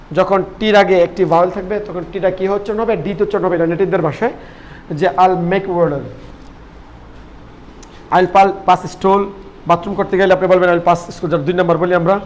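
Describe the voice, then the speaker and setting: A man's voice: sits high, a little mellow, a little hiss or hum. A man with a Bangladeshi accent teaching a spoken English lesson, repeating phrases and asking and answering his own questions.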